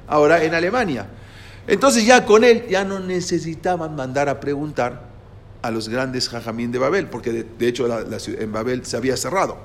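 A man's voice: mid-range voice, moderate pace, a little hiss or hum. A man teaching a lesson, explaining step by step and checking with his listeners as he goes. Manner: explanatory, asks the listeners "¿no?" and "¿sí?" often, with hesitations. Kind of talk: lecture to a class.

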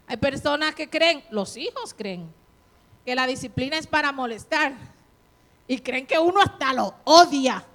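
High-voiced woman preaching a sermon. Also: a bit bright. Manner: exhorting, questions the audience, acts out quoted voices.

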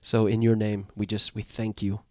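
A man's voice: fairly low pitch, completely flat delivery, normal speed, no echo, clean studio sound. A man hosting a podcast, leading an earnest closing prayer and sign-off in a stuffy, nasal voice. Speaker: podcast host.

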